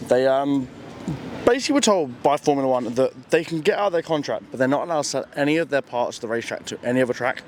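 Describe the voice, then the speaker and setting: A man's voice: medium pitch, animated, fast. A young man from the UK casually narrating a travel vlog outdoors, chatty and enthusiastic with a slangy way of talking, recorded on a handheld camera. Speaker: vlogger. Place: outdoors in a city and at a racetrack. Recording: outdoor street noise behind.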